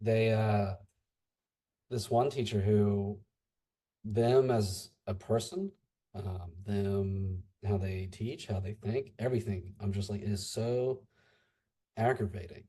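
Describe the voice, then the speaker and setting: A man's voice: lowish voice, steady tone, takes it slowly, mellow, husky. A man who teaches English, a guest in a casual podcast chat, rambling and antsy as he talks. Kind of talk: casual conversation.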